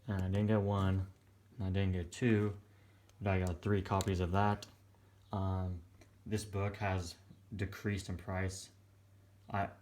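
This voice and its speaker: A young man giving casual vlog narration in a quiet but clear, subdued voice, hesitant and a little tired. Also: low voice. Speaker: comic collector presenting his purchases. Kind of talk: casual vlog narration over close-up shots of items. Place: small indoor room at home.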